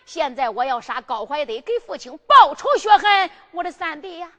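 A woman's voice: a little high, moderate pace, in a large hall, close to an everyday voice. A woman playing an emperor who coaxes and persuades his hot-tempered sworn brother in a storytelling performance. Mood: persuasive, insistent. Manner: coaxing, persuasive, pleading. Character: scheming, coaxing male emperor, older sworn brother.

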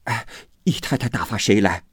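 A man's voice: fairly low pitch, moderate pace, slightly rough, no room sound, clean studio sound. A man reading aloud voices a distressed aging mother who talks in an agitated, anxious way. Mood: indignant.

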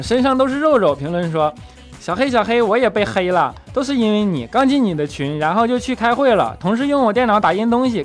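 A man with a fairly high voice reads listener comments with teasing, quick-fire comebacks. He chuckles often as he goes, and faint music sits underneath him. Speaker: podcast host reading listener comments. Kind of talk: comedic comment-reading show.

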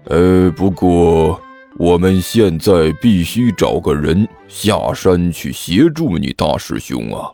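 A man's voice: deep voice, animated, slow pace, creaky, warm tone, soft background music, pitched below the performer's own voice, full character voice. A man voicing a lazy, sly old male immortal who drawls evasively and plays innocent in an audiobook. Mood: drawling, coy.

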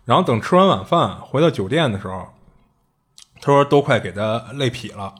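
A man with a husky, slightly breathy voice tells a spooky anecdote in a relaxed, conversational way. He talks in a chatty, colloquial manner, doubling back on his words as he goes. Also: mid-range voice, normal speed. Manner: chatty, colloquial, with frequent restarts and asides. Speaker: storyteller. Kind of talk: casual retelling of strange tales.

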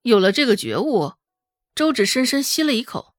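Expressive woman reading a novel aloud. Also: fairly high pitch, normal speed, dry recording, clean studio sound. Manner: expressive, dramatic. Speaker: audiobook narrator. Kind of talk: scripted storytelling narration.

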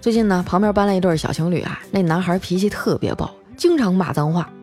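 A woman's voice: fairly low pitch, fast, darkish tone, faint music behind. A young woman narrating funny anecdotes in a chatty style, with many filler particles. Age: young adult. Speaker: comedy storyteller. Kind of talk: comic story narration.

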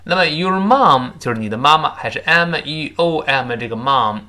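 A middle-aged man teaching an English lesson, patiently explaining pronunciation and grammar in Mandarin and loudly modeling English words slowly. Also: fairly high pitch, lively intonation. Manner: patient, repeats drills with "let's read it again".

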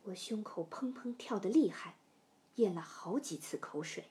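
A middle-aged woman telling a first-person story, sinking to hushed whispers in tense parts. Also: mid-range voice, animated, normal speed. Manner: dropping to hushed whispers in suspense.

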